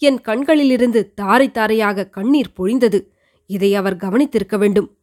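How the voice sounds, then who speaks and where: A woman's voice: mid-range voice, darkish tone, voice pushed down, close to an everyday voice. A woman voicing an elderly, devout queen mother who earnestly recounts her past to her son in an audiobook reading. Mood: reminiscing. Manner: earnest, measured storytelling. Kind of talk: audiobook reading of a historical novel.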